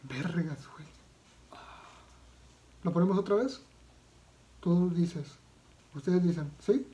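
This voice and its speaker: A man's voice: high voice, measured pace, warm tone, muffled recording, slight background noise. A man with a Mexican accent doing casual reaction commentary as a video vlogger, talking in a slangy, profane way with lots of fillers and restarts.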